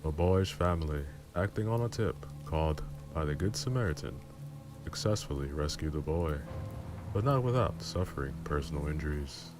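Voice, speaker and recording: A man's voice: rumbling low, lively intonation, moderate pace, music in the background. A man voicing a formal male TV news reporter within a horror story reading.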